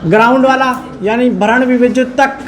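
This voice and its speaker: A man's voice: extremely high pitch, moderate pace. A man teaching a lecture, repeating key terms and asking his listeners questions as he goes. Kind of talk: classroom lecture. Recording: crowd noise behind.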